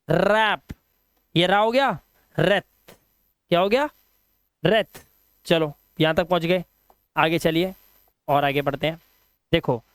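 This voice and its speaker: धीमा, साफ़ बोलने वाला हिंदी शिक्षक. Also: male voice, high voice, fairly bright tone, clean tone, no room sound. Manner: drills words slowly, asks 'ठीक है?' often. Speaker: English teacher. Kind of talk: phonics lesson.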